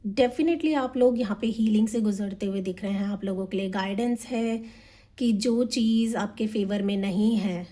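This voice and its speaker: A young woman reads tarot cards for her viewers. Her voice is mellow and warm, at a middle pitch. She talks quickly and energetically, mixing in English words. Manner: fast, energetic talk mixing Hindi and English. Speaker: tarot reader. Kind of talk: monthly tarot reading to camera.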